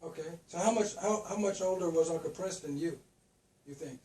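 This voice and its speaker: A man's voice: a little high, fairly quick, darkish tone, a little hiss or hum. A man interviewing older relatives in a folksy way, often restarting his questions. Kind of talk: casual family interview. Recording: roomy, distant mic.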